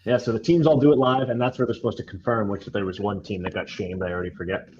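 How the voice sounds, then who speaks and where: A man's voice: lowish voice, steady tone, fast talker, darkish tone. A man co-hosting a casual sports talk show, easygoing and teasing, heard over a dull line with faint noise. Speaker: co-host, referee.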